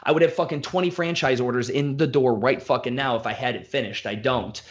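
In relaxed, unscripted podcast conversation, a gym owner with a middle-pitched voice launches into fast, blunt rants laced with profanity. He stacks example on example as he goes.

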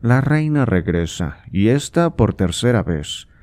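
A man's voice: medium pitch, sing-song, measured pace, darkish tone. A man reading aloud and voicing a scornful, impatient old nobleman who scolds his son with sarcasm. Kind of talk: audiobook character voice.

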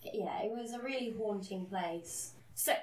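A woman's voice: medium pitch, a little slow. Woman, podcast co-host, casual storytelling, earnest, echoey room, set back from the mic. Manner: earnest, self-deprecating, laughs at herself. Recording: roomy, a bit distant from the mic.

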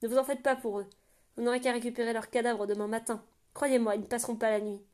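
A woman voicing a commanding male fortress captain who barks loud orders in an audiobook. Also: a little high, level tone, fast, natural voice. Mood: stern. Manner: loud, authoritative, clipped orders.

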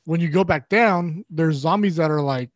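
A man's voice: a little high, moderate pace, no echo, muffled recording. A young man in casual chat about video games, rambling loosely and swearing often.

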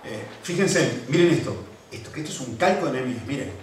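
A man preaching a sermon in an animated, emphatic way, repeating phrases for emphasis. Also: medium pitch, fast. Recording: echoey room from far off, faint background noise.

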